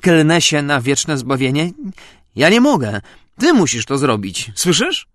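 A man's voice: a little high, big pitch swings, a little slow, dry recording, clean studio sound. A man doing a stammering, terrified accomplice. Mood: pleading. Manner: stammering, fearful. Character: terrified superstitious male accomplice. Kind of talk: audiobook character reading.

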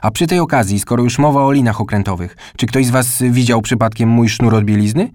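A man's voice: medium pitch, a little fast, darkish tone, no echo, clean studio sound, close to an everyday voice. A man voicing a firm, scolding mother in an audiobook. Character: stern but loving mother.

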